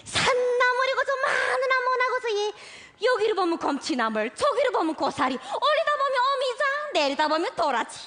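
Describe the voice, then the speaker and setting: Very high-pitched, boastful Yanbian village official. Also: female voice, big pitch swings, a little fast, bright, forceful tone, exaggerated voice. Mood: proud, boastful. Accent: Yanbian Korean (northeast China). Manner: gushing, exaggerating. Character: eager, boastful village women's director. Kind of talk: comedy sketch stage acting.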